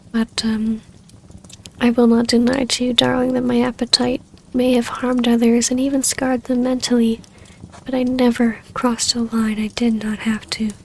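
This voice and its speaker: A woman portrays a wistful vampire baroness in ASMR roleplay, her fairly high voice strongly creaky. She speaks softly and hesitantly within a narrow pitch range, intimate and tender, over slight background noise.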